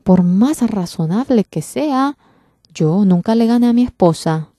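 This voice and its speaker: Woman interpreter voicing a pastor's sermon in church; low-ish mellow tone, earnest emphasis, dry close sound. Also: lively intonation, measured pace, no room sound.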